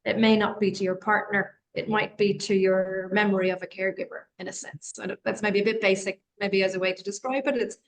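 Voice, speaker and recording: A woman's voice: mid-range voice, fairly even intonation, brisk, hardly any pauses. A woman moderating a webinar discussion, thinking aloud in a reflective, conversational way and often adding tag questions.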